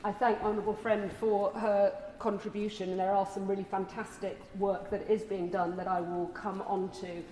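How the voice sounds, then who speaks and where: A woman member of parliament delivering a formal speech in a measured, earnest, rhetorical way in a large debating chamber. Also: mid-range voice, flat delivery, warm tone. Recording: echoey hall, distant reverb, noisy ambience.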